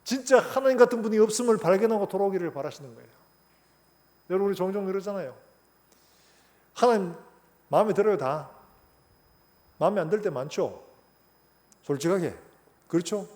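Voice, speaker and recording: Man, middle-aged, pastor preaching, lively storytelling, acts out voices, somewhat high voice. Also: brisk, long pauses. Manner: animated storytelling, acting out voices with sudden loud cries. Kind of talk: sermon.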